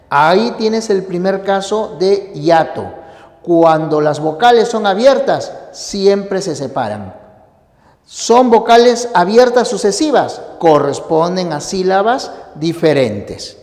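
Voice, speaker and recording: Slow-paced teacher in an echoey room. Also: medium pitch, big pitch swings, a little mellow. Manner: slow, deliberate explanation with rhetorical questions. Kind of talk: recorded grammar lesson. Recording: echoey room with long reverb.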